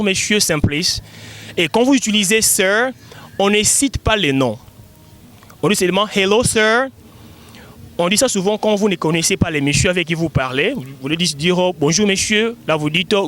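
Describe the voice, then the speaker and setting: A man hosting a beginner language lesson online, speaking in a slow, drilled classroom manner and repeating key words for learners to echo. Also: high voice, fairly bright tone. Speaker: English teacher hosting a web lesson.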